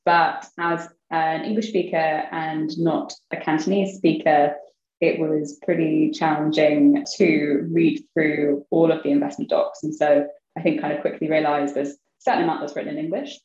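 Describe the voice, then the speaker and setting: Her voice sits low and a little mellow as the young venture investor talks casually as a guest in an interview. She's chatty, packing her speech with "like" and "kind of," in a roomy, slightly dull recording.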